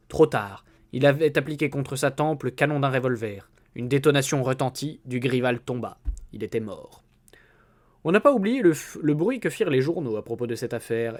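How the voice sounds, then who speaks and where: A man reading a classic novel aloud in a measured way, with small slips and restarts. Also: mid-range voice, darkish tone. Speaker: storyteller.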